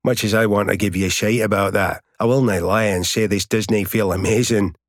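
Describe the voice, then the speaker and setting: A man's voice: lowish voice, steady tone, brisk, no room sound, clean studio sound, natural voice. A man voicing a wry male hiker who grudgingly admits comfort, in an audiobook.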